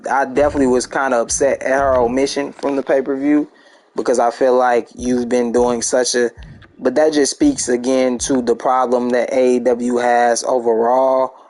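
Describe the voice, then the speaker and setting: A man's voice: mid-range voice, little pitch movement, moderate pace, darkish tone, low-quality recording. A young man chatting casually and rambling to his viewers while streaming a game. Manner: laid-back, rambling, talks to chat. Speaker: gaming streamer. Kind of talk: casual gameplay chat with viewers.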